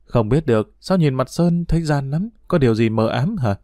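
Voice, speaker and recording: A man's voice: medium pitch, animated, moderate pace, warm tone, dry recording, close to an everyday voice. A man voicing a playful, teasing teenage schoolgirl, in a story read aloud, recorded dry. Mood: coy. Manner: teasing, coy.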